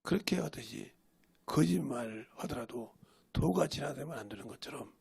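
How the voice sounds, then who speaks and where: A man's voice: medium pitch, lively intonation, moderate pace, creaky, darkish tone. A male pastor preaching a sermon, pressing his points with emphatic rhetorical questions.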